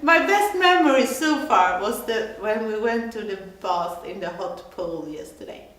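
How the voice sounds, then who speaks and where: A woman teaching a craft course gives halting, reflective interview answers and often restarts her sentences. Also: fairly high pitch, animated, fairly bright tone. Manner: halting, searching for words, restarts. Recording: very echoey room.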